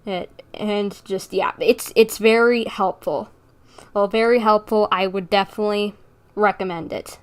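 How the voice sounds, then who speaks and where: Her voice is medium in pitch, with fairly even intonation, a measured pace, and a clean tone. While playing a game on a livestream, she rambles and giggles through casual chat, answering her viewers.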